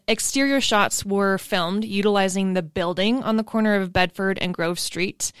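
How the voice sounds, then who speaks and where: A woman's voice: medium pitch, smooth, dry recording, clean studio sound. A woman podcast co-host telling stories in a casual, conversational way.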